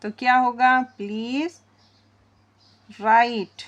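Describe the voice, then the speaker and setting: A woman's voice: on the high side, steady tone, very slow, highs cut off. A woman teaching spoken English, repeating sentences word by word and quizzing her viewers.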